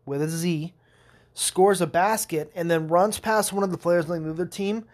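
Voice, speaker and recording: A man's voice: sits high, normal speed. Rambling, cussing young man. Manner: rambling, profane, laughing storyteller. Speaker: podcast host. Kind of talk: casual monologue.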